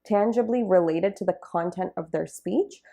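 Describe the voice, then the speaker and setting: A woman's voice: lowish voice, moderate pace, vocal fry, dark tone. A young woman being interviewed about her dance journey, talking in a reflective, casual way with many fillers. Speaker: interview guest, Bharatanatyam dancer.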